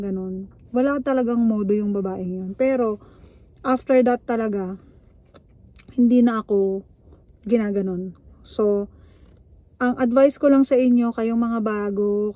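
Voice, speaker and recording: A woman's voice: mid-range voice, mellow, no room sound. A middle-aged woman from the Philippines, a nurse giving frank, assertive advice in a casual monologue, mixing English into her talk. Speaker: nurse vlogger.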